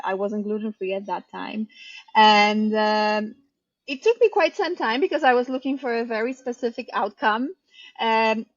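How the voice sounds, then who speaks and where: A woman in her thirties who grew up in Poland tells her story in a relaxed interview, chatty and unhurried. Her voice sits at an ordinary pitch. The sound is dry and a little dull, as if recorded close in a dead room. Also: dry recording. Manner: chatty, warm storytelling with frequent ums and light laughs. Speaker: bakery owner and head baker, guest. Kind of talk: casual interview answers.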